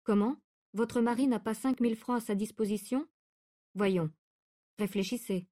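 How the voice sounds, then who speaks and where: A woman reading aloud, voicing a skeptical man who questions his cousin in a low, brusque way. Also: normal speed, mellow, natural voice. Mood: probing. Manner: probing, brusque.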